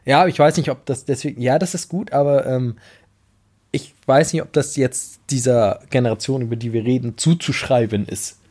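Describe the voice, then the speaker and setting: A man's voice: medium pitch, steady tone, normal speed, darkish tone. A man from Germany co-hosting a podcast, talking casually and hesitantly with many restarts and fillers. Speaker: podcast co-host. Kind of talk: casual debate chat.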